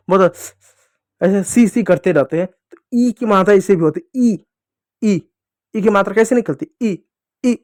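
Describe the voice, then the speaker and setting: Male teacher, higher register, dry recording; patient reading lesson for kids, stretches out each sound. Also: no echo. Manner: repeats sounds slowly, asks and answers own questions.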